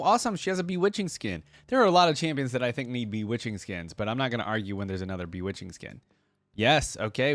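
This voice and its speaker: Heard with no room sound, a man speaks in a mid-range voice while hosting a reaction video. His commentary is off-the-cuff and informal, full of enthusiasm as he thinks aloud.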